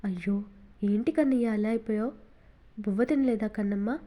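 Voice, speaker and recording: A woman's voice: mid-range voice, moderate pace, dark tone, natural voice. A woman reading the part of an emotional young mother who pleads and fusses over her son, in an audiobook novel. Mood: tender. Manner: pleading and tender.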